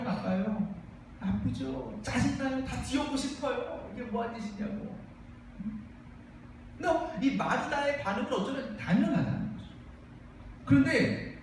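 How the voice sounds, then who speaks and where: A man with a very high voice preaches as a pastor in a church sanctuary, asking the congregation questions and acting out the lines of the people he quotes. The mic is far off in a very echoey room, with slight hiss or hum.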